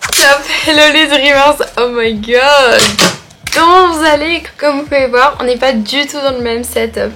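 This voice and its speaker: High-voiced woman vlogger chatting to camera. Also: a little slow, over music. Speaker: vlogger introducing a challenge video. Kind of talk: casual chat to camera.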